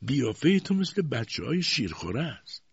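A man's voice: on the low side, big pitch swings, husky, dry recording, pitched above the performer's own voice, full character voice. A man voicing a stern, harsh older spinster aunt who speaks coldly and mockingly, in a dull, dry lo-fi recording.

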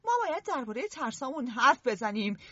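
A woman's voice: on the high side, very animated, bright, forceful tone, slightly rough, no room sound, muffled recording, exaggerated voice. A woman voicing Ralph, an earnest, stern boy chief who lectures and scolds the others. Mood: grave.

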